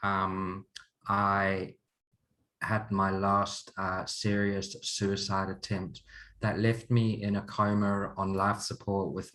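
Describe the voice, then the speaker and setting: A man's voice: deep voice, fairly bright tone. A man in his forties from Zimbabwe, introducing an online course over a video call in an earnest, open way. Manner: earnest, open, chuckles often. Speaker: counselor and program leader.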